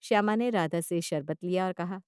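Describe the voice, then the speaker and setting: A woman narrating a family story in an even, steady storytelling voice. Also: lowish voice, normal speed, smooth, no echo, clean studio sound.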